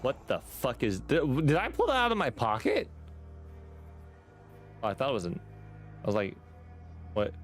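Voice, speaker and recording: A man's voice: medium pitch, huge pitch swings, normal speed, long pauses, faint music behind. Joking man streamer reading game text. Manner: joking, playful asides. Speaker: gaming streamer. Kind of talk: casual let's-play commentary, reading game text aloud.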